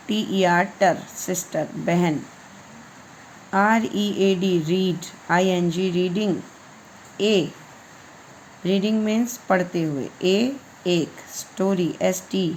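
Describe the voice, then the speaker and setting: A woman's voice: fairly low pitch, slow pace, a little mellow, a little hiss or hum, rough recording. A woman teaching English reading, spelling each word letter by letter and then giving its meaning. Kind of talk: slow spelling-out reading lesson.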